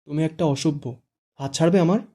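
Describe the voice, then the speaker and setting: A man reading a story aloud, voicing a quick-tempered young woman with angry, sharp retorts. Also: fairly high pitch, level tone, creaky, pitched above the performer's own voice.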